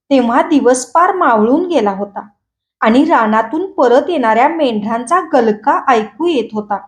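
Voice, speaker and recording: A woman calmly reading a novel aloud at a measured pace, after a short channel introduction. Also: sits high. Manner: calm, measured storytelling. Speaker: audiobook reader. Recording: echoey room.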